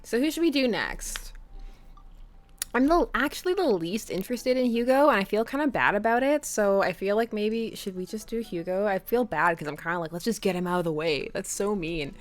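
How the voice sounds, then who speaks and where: A young woman streams a dating game in a mid-range, fairly bright voice, reading the game text aloud and chatting with viewers. She's giggly, laughing often between lines, and keeps asking her audience questions in this casual let's-play chat.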